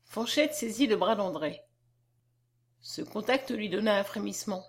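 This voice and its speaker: A woman narrating a classic novel as an audiobook, with a measured, expressive reading. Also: medium pitch.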